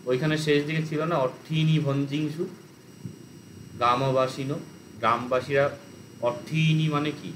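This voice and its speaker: A man teaching an online language lesson, explaining grammar and reciting word forms slowly. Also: medium pitch, a bit bright, a little hiss or hum, poor audio.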